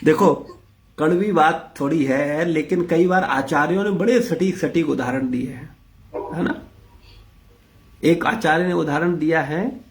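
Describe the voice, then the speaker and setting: A man leading an interactive spiritual discourse, blunt and rhetorical, questioning his listeners. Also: on the high side. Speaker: spiritual teacher leading a class.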